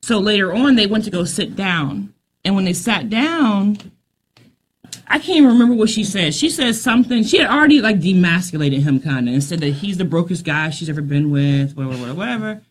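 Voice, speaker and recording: A woman hosting a casual podcast chat, her voice husky and a little breathy. She tells her stories in an animated way, piling on filler phrases as she goes. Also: medium pitch, a little fast. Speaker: podcast host.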